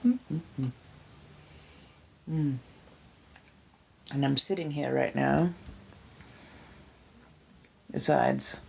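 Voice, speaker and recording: Her voice sits low, gravelly and a touch mellow. Eating and drinking throughout, she runs a casual livestream, effusively greeting viewers with dramatic pet names.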